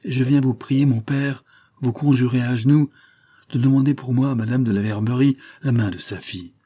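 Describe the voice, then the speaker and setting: A man playing a hot-blooded young nobleman, pleading and vehement, in a voice lifted above the reader's low tone. It keeps a breathy, mellow grain. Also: normal speed. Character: young male nobleman, passionate, stubborn lover.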